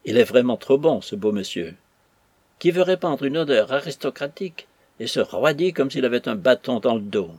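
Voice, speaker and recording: A man reading aloud as a ruined old merchant, bitter and furious, ranting in a husky, breathy voice. The recording is dry and close, with no room sound around it. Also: mid-range voice, expressive, moderate pace, darkish tone, dry recording. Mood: angry. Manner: ranting, bitter, raising his voice. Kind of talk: audiobook character voice.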